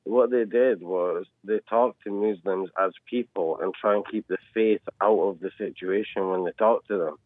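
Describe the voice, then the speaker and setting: A very low-voiced man from Scotland comes through a narrow, tinny phone line. He takes his time laying out his point and passing on what others have told him, and his voice sounds close and dry, with no room around it. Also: no echo. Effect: heard over the phone. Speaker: caller. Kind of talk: call-in radio chat.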